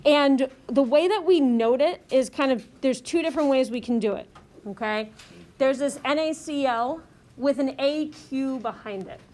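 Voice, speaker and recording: A woman's voice: sits high, normal speed, darkish tone, a little hiss or hum. A woman teaching a chemistry class, explaining step by step and checking in with "okay?" and "right?" after nearly every point. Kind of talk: classroom lecture.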